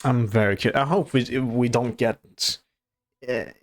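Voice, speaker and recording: A man giving casual reaction commentary on a show, off camera, in a halting, soft-spoken way with many restarts. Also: mid-range voice, fairly even intonation. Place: off-camera voice-over.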